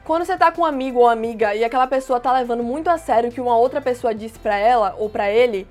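A woman's voice: fairly high pitch, a little mellow, soft background music. Woman teaching English phrases. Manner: explains plainly, repeats English phrases slowly. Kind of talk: casual language lesson.

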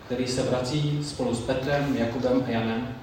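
Male preacher, measured sermon delivery, distant mic in a booming hall with a little ambience. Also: steady tone, darkish tone, a little hiss or hum. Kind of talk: sermon with Bible reading. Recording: very echoey room, mic far off, faint ambience.

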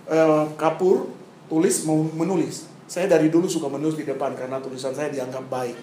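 A man from Papua telling a personal testimony story to an audience, dramatic, acting out scenes and swinging between loud bursts and hushed asides. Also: fairly high pitch, reverberant, a little hiss or hum. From Papua, Indonesia. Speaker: speaker giving a personal testimony.

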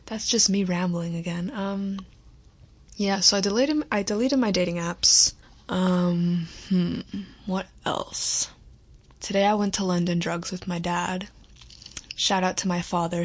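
A woman's voice: on the low side, breathy edge, highs cut off. A young woman hosting her own podcast, chatting casually and rambling with lots of "like" and "um". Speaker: podcast host. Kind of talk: casual late-night solo podcast chat.

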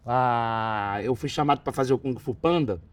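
A middle-aged Brazilian man with a Brazilian Portuguese accent, a talk show guest telling animated anecdotes in casual chat and swearing freely. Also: medium pitch, normal speed, recorded from a distance.

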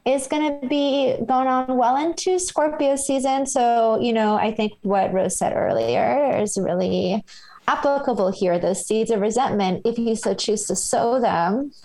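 A fairly high-voiced woman chats easily as a podcast co-host. She is relaxed and quick to laugh, trailing off and circling back as she talks. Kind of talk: casual chat.

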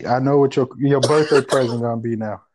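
A man's voice: medium pitch, steady tone, a little fast, darkish tone, slight background noise. A man co-hosting a podcast, chatting casually in a teasing way. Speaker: podcast co-host. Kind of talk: casual banter.

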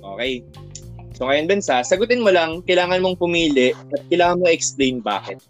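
A man's voice: fairly high pitch, animated, normal speed, soft background music. A young man hosting a casual student podcast in Taglish, teasing his guests with playful questions. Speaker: host.

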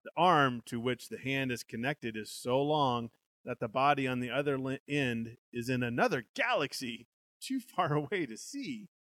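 A man's voice: medium pitch, animated, normal speed, a bit bright, no room sound, studio quality. A young man co-hosting a show, reading a gamebook aloud with banter and frequent laughs. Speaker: podcast co-host reading a gamebook.

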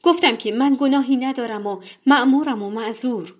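A woman's voice: a little high, voice pushed up, lightly acted. A woman voicing a frightened male executioner who speaks hesitantly and apologetically in a told folktale. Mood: pleading.

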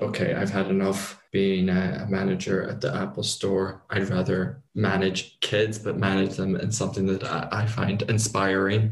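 Male interviewer, lowish voice, roomy echo, relaxed questions. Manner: relaxed, thinks aloud while asking. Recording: echoey room.

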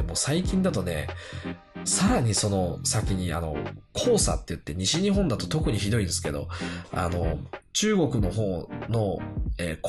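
A man with a congested, nasal voice hosting a casual solo radio talk in a chatty, self-deprecating way. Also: fairly low pitch. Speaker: radio show host. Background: background music.

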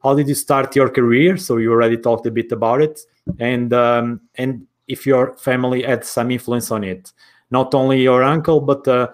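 A man's voice: medium pitch, steady tone, moderate pace. A man with a Portuguese accent conducting a conversational interview in his second language, with long rambling lead-ins to his questions.

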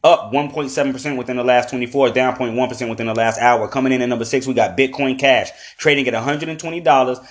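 A man's voice: medium pitch, fairly even intonation, quick pace, few pauses. Man hosting a top ten style countdown. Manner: repetitive announcer-like list delivery; informal, addresses listeners as family. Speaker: podcast host. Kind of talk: top ten countdown, reading out ranked list.

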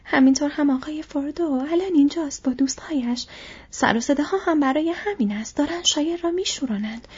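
Breathy earnest young hobbit guy, a lady reading him, kinda high, dull lo-fi audio. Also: a little mellow, close to an everyday voice. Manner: eager, raised urgent calls. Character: loyal young male hobbit, earnest and brave.

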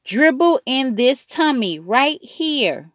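A woman's voice: high voice, very animated, slow, a bit bright, no echo, studio quality, voice pushed up, full character voice. A woman doing an impish, babyish toddler. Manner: babyish, singsong. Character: mischievous giggly toddler boy.

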